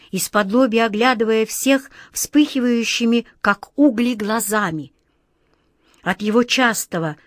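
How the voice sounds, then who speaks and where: Brief: female audiobook narrator, measured expressive storytelling, mid pitch, dry studio sound. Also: no room sound.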